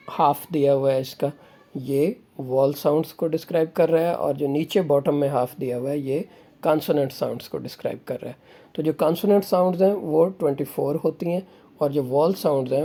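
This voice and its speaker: A male teacher explains grammar in a mellow, relaxed tone. He poses questions to his students and answers each one himself, in a steady classroom manner. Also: a little high. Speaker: English teacher.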